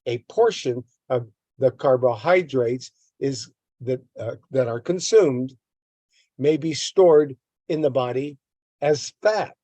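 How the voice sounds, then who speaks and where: An older man working as a health educator reads a text aloud and adds commentary, often breaking into long rants against a government agency while stumbling over and repeating words. His mid-range voice is warm and slow, with no echo.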